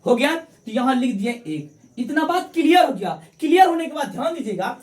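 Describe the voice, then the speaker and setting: Echoey, lively woman teaching math. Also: high voice, fairly quick. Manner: repeats steps, asks and answers own questions; addresses viewers as friends, coaxing. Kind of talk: classroom-style tutorial to camera.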